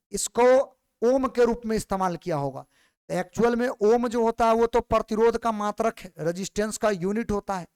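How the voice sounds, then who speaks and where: A man's voice: high-pitched, a little mellow, clean tone. A male physics teacher, lecturing patiently and repeating questions back to his students. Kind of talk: classroom lecture.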